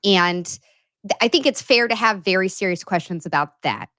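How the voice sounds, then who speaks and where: Brief: woman co-host, even analytical sports talk, mid pitch, dry close mic. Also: normal speed, no room sound. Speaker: podcast co-host and writer. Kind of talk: casual sports podcast chat.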